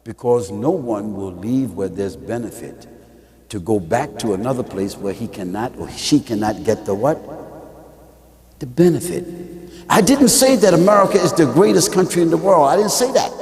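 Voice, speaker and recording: A man preaching a mosque lecture, peppering the audience with rhetorical questions and swinging between quiet asides and shouts, in casual vernacular speech. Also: mid-range voice, lively intonation, moderate pace, crowd noise. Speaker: Islamic preacher. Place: large Islamic center hall. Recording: echoey hall from some distance.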